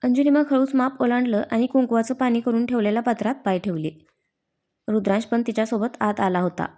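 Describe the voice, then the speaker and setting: A woman reading a family story aloud in a calm, steady narration. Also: on the high side, fairly quick.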